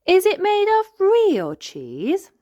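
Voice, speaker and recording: A woman voicing a curious, excitable little girl pig from a storybook, with wide-eyed, drawn-out delivery. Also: very high-pitched, no echo, highs cut off, pitched above the performer's own voice, full character voice.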